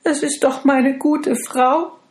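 A woman's voice: high voice, steady tone, slow pace, reverberant, pitched above the performer's own voice. A woman voicing a frightened, meek father in a fairy tale, alarmed and pleading.

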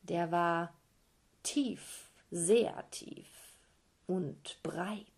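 Woman storyteller for kids: slow, lively, speaks to listeners directly. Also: fairly low pitch, gravelly, husky. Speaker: storyteller for children. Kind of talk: storytelling to children.

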